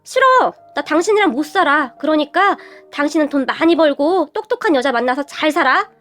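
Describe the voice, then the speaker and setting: A woman voicing a blunt, fearless young wife who talks in a sharp, mocking way. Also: very high-pitched, animated, brisk, faint music behind. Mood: offhand.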